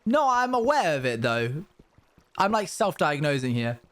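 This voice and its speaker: Young man, live streamer, casual chat, rambling animated storytelling, higher-pitched voice. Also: normal speed. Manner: rambling, animated storytelling with self-aware asides.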